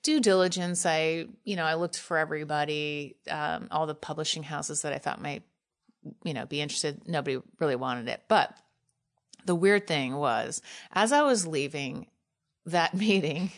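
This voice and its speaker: A woman tells a story as a guest in a relaxed interview. She is animated and laughs often, with plenty of casual fillers. Her voice sits a little low. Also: normal speed. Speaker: author and guest.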